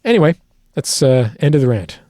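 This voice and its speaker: A man's voice: mid-range voice, big pitch swings, fairly quick. A man who is a working musician, casually analyzing a song, rambling and technical, often correcting himself as he thinks aloud. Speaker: musician reacting to a music video.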